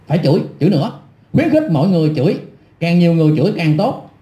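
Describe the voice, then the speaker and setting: A middle-aged man hurls insults in an angry, repetitive rant, his voice sitting high but sounding dark and mellow. He talks like an online commentator tearing into his critics. The sound bounces around a roomy, echoey space. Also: sing-song, rapid-fire. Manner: insulting, scornful, repetitive ranting. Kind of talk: angry ranting monologue.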